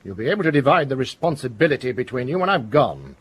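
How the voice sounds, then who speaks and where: Here the same stern, righteous middle-aged inspector from a radio drama speaks with deliberate, commanding, moralising authority, sounding probing and firm. The actor's male voice sits at medium pitch, slightly bright and husky, with big pitch swings.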